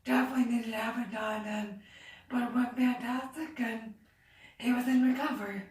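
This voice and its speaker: A woman's voice: on the high side, steady tone, normal speed, a little mellow. A woman chatting casually and adding short details as a partner in the conversation. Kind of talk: casual chat. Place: indoors, away from the mic. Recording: very echoey room, distant mic.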